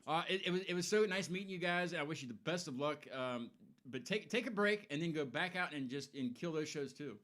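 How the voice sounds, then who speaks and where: Male host, quick casual patter, stumbles and restarts, mid-pitched. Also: lively intonation, fairly bright tone. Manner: fast, chatty, stumbling restarts. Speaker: podcast host. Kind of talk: casual chat.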